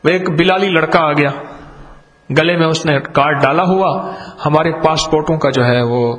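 A man's voice: a little high, a bit bright. A man from Pakistan preaching a sermon, telling parables and acting out the dialogue with strong rises and falls in emphasis. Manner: storytelling, acts out dialogue, rising and falling emphasis. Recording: long hall reverb.

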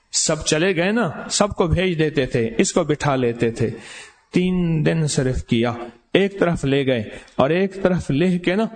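Male preacher telling a Sufi tale, high and animated, hammers phrases by repeating them. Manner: emphatic, repeats phrases for stress. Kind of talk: Sufi storytelling sermon.

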